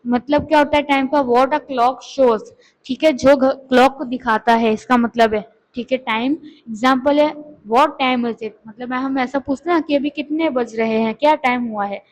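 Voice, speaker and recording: A woman teaching English to beginners, explaining in Hindi and reading English lines slowly and carefully. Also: sits high, fairly even intonation, poor audio. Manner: repeats words and asks questions to the viewer. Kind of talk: lesson.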